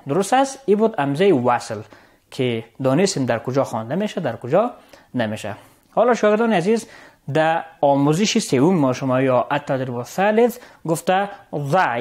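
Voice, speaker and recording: A male teacher with an Afghan Dari accent, speaking a little high with a very animated, swooping pitch. He reads phrases slowly and then translates them. He often stops to check in with the class, his voice rising on a quick "right?". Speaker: Arabic teacher. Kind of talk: recorded classroom lesson.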